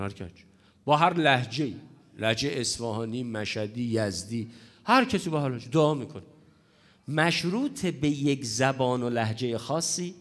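A man preaching a religious lecture on prayer, hoarse from a cold, emphatic and repeating his key points. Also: mid-range voice.

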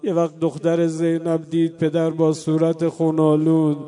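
A man preaching a mourning sermon to a live gathering indoors. He moves between soft storytelling and loud, drawn-out chanted lament. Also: a little high, monotone. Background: live congregation.

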